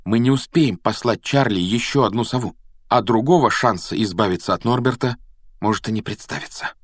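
A man's voice: mid-range voice, fairly quick, no echo, natural voice. A man voicing a determined young schoolboy who speaks earnestly and urgently, recorded dry and close.

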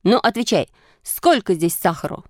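An excitable, bossy schoolboy, as a woman puts him on in a storybook reading, his raised boyish voice jumping about lively. The sound is dry and close. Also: medium pitch, moderate pace, no echo, lightly acted. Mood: eager.

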